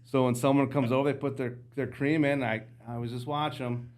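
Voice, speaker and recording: A man, an outdoorsman from the United States, telling hunting stories as a podcast guest in casual, animated chat. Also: medium pitch, fairly quick. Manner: animated storyteller, jumps into quoted voices.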